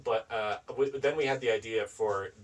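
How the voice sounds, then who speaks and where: A man's voice: on the low side, normal speed, distant mic, rough recording. A young man co-hosting a podcast in casual chat, rambling and swearing as he tells stories. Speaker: podcast co-host.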